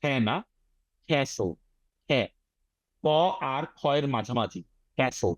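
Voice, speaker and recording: A man's voice: medium pitch, animated, slow pace, no room sound. A man with a Bangladeshi accent teaching an online IELTS class, breaking words into sounds and having students repeat them. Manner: drills words syllable by syllable, mixing English phrases into his explanations.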